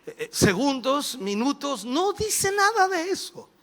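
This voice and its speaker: A Chilean bishop delivers a sermon, his high voice leaping all over its range. He preaches dramatically, going quiet and then bursting into shouts. A gravelly rasp runs through his speech. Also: unhurried. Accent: Chilean Spanish. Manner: animated, dramatic, swings from hushed to shouting. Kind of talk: televised sermon.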